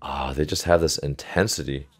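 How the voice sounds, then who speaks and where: Here the volleyball coach's bass voice is steady and slightly rough, at a normal speed, with faint music in the background. He hosts a reaction video, thinking out loud in relaxed commentary into a nearby desktop USB mic.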